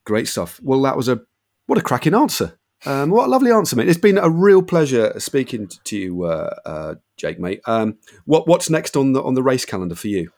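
A man's voice: medium pitch, very animated, fairly quick, a little mellow. A middle-aged British man hosting a casual interview, chatty, matey and effusive with his enthusiasm. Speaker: podcast host.

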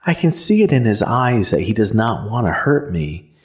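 Lively-pitched man reading a horror story. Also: moderate pace. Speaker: narrator.

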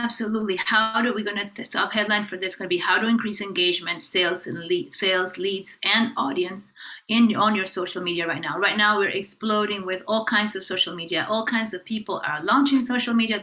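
Bright-voiced upbeat woman podcaster. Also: mid-range voice, steady tone, low-quality recording. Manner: enthusiastic, upbeat, talks in rapid lists. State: clearing her throat, voice catching. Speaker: podcast co-host. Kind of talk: casual podcast chat.

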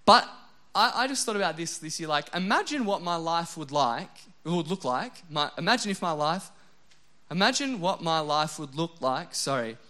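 A man in his younger adult years preaches with an emotional, self-deprecating energy. His voice sits a little high for a man, and he swings between lively bursts and hushed, intimate prayer. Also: moderate pace. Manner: animated, self-deprecating, often drops to a soft low voice for prayers. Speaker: pastor. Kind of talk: sermon.

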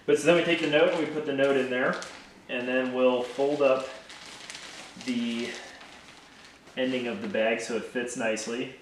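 A man's voice: medium pitch, steady tone. A man walking through how he packs orders step by step, casual and thankful, recorded a bit away from the mic in an echoey room with faint noise. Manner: slow, step-by-step explaining, thankful. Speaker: small business owner showing order packing. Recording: roomy echo, a bit distant, faint noise.

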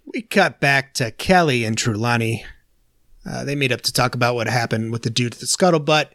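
A man's voice: mid-range voice, brisk, fairly bright tone, no room sound, studio quality. A man casually recapping a TV episode's plot for his co-hosts, rattling it off with lots of filler uhs. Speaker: podcast host recapping episodes.

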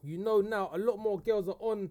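A man's voice: high voice, fairly quick, darkish tone. A man in his twenties with a London roadman accent, chatting casually in heavy street slang, emphatic, swearing and repeating himself. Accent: London roadman, urban street. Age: 20s.

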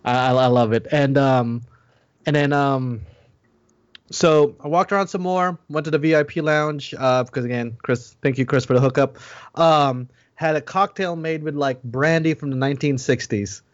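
A man's voice: on the high side, normal speed, no room sound, muffled recording. A man co-hosting a podcast in casual chat, rambling with many restarts and fillers. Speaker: podcast co-host.

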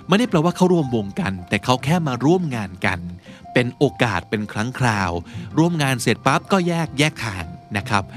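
A man hosting a podcast, teaching English words in a chatty, casual way and reading example sentences slowly. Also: mid-range voice. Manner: chatty, explains with slow read-out example sentences. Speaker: podcast host. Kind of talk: casual English vocabulary lesson.

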